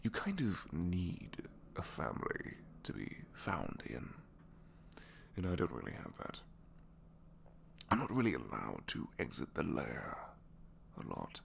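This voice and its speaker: In an ASMR roleplay audio drama, a man plays a reluctant supervillain inventor who is secretly kind, talking one-sidedly in a resigned mood. His exaggerated voice rumbles low with vocal fry and huge pitch swings, unhurried, over slight background noise. He's hesitant, wry and self-deprecating, rambling with sighs and trailing tag questions, sometimes dropping to a whisper.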